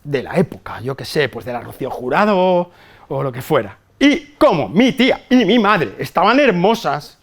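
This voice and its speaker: A middle-aged man with a noticeably high voice gives a humorous talk to a live audience. He tells story after story in a chatty, conversational way, swears casually and keeps checking that the crowd follows him. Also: sing-song, normal speed, a bit bright. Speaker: psychologist giving a talk. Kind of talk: humorous conference talk to nurses. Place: hospital hall with a live audience.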